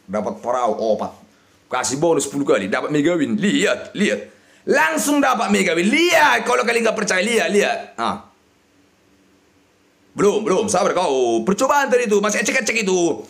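A man, shouting and muttering over a slot game as he streams it. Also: high-pitched, very animated, moderate pace, vocal fry. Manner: shouting and chanting at the reels, swinging between yelling and mutters. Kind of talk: excited live slot-game commentary.

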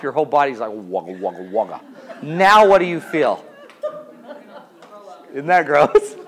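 A man in his forties giving a comedic lecture to a class, jokey and theatrical, often asking the audience questions. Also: on the high side. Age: 40s. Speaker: relationship class teacher.

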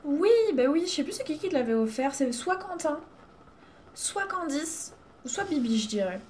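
Young woman, game streamer, casual chatter, laughs easily, slightly high voice. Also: expressive, moderate pace, a little mellow, a little hiss or hum. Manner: chatty, laughing, thanking viewers. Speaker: Twitch streamer. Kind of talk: casual live gameplay chat.

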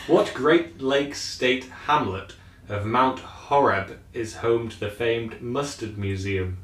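A man's voice: mid-range voice, slow pace, far from the mic, a little hiss or hum. A man reading trivia questions aloud as a quizmaster. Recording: echoey room, off-mic voice.

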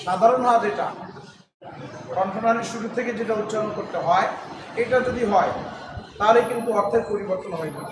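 A man teaching Quran pronunciation, explaining patiently and repeating words with slow, drawn-out chanted examples. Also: sits high. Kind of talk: tajweed pronunciation lesson. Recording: distant mic, echoey room, noisy.

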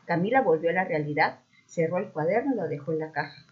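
A woman's voice: fairly low pitch, fast talker. Woman reading a storybook aloud. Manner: expressive, acting out dialogue. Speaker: narrator. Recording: dull muffled recording.

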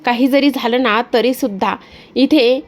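A woman's voice: fairly high pitch, a little slow, natural voice. A woman voicing a proud young man who speaks firmly and heatedly in a retold story. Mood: determined. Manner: firm, heated.

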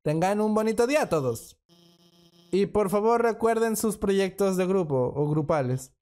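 A man's voice: high-pitched, expressive, moderate pace, warm tone. A man reading the lines of a shy, flustered female lizard teacher from a video game. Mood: apologetic.

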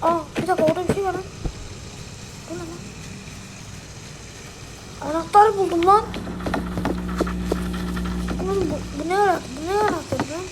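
Very high-pitched woman swearing through gameplay. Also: moderate pace, pauses often, very noisy. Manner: frustrated, swearing, exasperated muttering to herself. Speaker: gamer. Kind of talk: let's play gameplay commentary.

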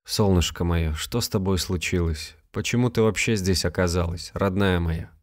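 A grieving young husband, curt and bewildered, voiced by a man in a very low register. His lines come short and clipped in a storybook reading. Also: normal speed, lightly acted.

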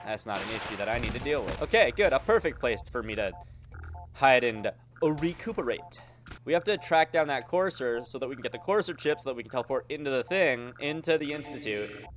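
A man's voice: mid-range voice, animated, a little fast. Profane, jokey male gameplay commentator. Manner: jokey, profane, rambling, talks to viewers. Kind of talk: casual let's-play commentary.

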